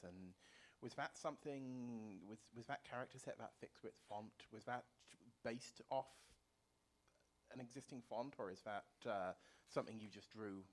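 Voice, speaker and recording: A man's voice: on the low side, normal speed. A man in the audience asking a question, hesitant, with stammered repeats.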